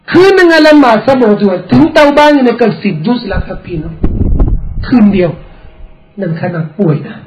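A man preaching an Islamic sermon, explaining in a relaxed, conversational way and weaving in recited Arabic quotations. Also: very high-pitched, poor audio. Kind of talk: religious sermon.

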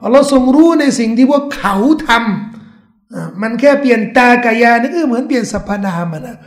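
A man's voice: very high-pitched, a little fast. A man giving a religious lecture, explaining at length with emphatic rises in his voice. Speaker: religious teacher. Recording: echoey room.

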